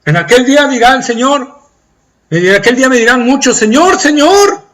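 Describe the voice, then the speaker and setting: A man with a Latin American Spanish accent preaching a sermon, swinging from loud pleading cries to soft hushed tones and acting out the pleas of the faithful. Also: extremely high pitch, animated, normal speed, poor audio. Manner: acts out pleading voices of the faithful.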